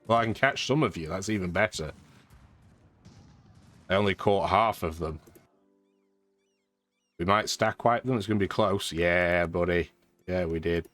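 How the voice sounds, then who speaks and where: A man with a low, fairly bright voice sounds congested and stuffy-nosed, with a lingering sore throat and blocked sinuses. As a gaming video host, he gives casual, dry, chatty commentary on a strategy game over background music.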